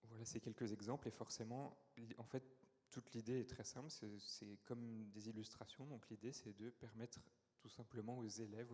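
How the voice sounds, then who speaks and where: Man pitching his startup in a hall. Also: dark tone. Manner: explanatory, with frequent hesitations. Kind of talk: conference pitch. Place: conference hall. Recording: long hall reverb.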